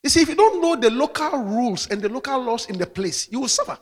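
A man's voice: extremely high pitch, expressive, fast, big-room sound. A man preaching a sermon as pastor, calling out hallelujah between points. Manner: preaching with call-outs of hallelujah.

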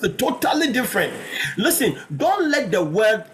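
A preacher delivering an emphatic sermon over a video call, the pitch leaping high and dropping low through each passage. Words are often repeated as lines begin. A faint hiss of noise and room ambience sits behind the voice. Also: big pitch swings, moderate pace, fairly bright tone. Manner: emphatic, swinging between high exclamations and low asides.

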